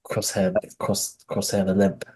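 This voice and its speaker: Male podcast co-host, husky and low, rambling, loose and sweary. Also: level tone, unhurried, a little mellow. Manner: rambling, laughing, swears freely. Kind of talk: casual chat.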